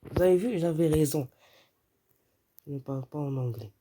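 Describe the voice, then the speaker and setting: A man's voice: on the high side, moderate pace, dark tone, a little hiss or hum. A man giving live gameplay commentary, jumpy and prone to yelping and repeating words in a panic. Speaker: gamer playing online.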